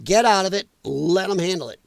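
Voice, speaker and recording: The host of a political commentary livestream speaks in a high, creaky voice at a fairly quick pace, with no echo. In his casual monologue he's blunt and sarcastic, ridiculing opponents with put-on voices.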